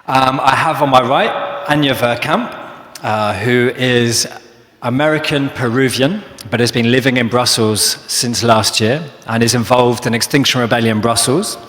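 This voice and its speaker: A man from London with a London accent, moderating a live panel, talking quickly with fillers. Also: medium pitch, fairly bright tone. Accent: London English. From London, England. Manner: quick talker with frequent fillers. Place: large echoey hall. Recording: echoey hall with long reverb.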